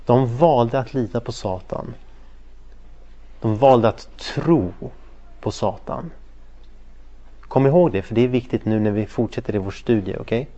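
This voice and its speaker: A man teaching scripture to a small group in a conversational way. He slips into little acted voices for the people in his stories and keeps asking whether everyone is following. The recording sounds a little dull and lo-fi. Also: medium pitch. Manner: animated storytelling, acts out quoted voices, checks in with listeners often. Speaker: Bible study teacher. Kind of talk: interactive Bible study lesson.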